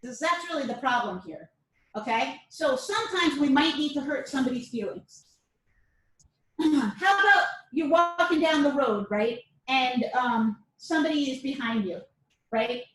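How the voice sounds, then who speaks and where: In a dojo or training room, a woman instructor gives a casual self-defense lesson to camera like a class lecture, chatty and often checking in with "all right?". Her high voice is expressive and a bit bright at a measured pace. The room is echoey and the mic sits at a distance.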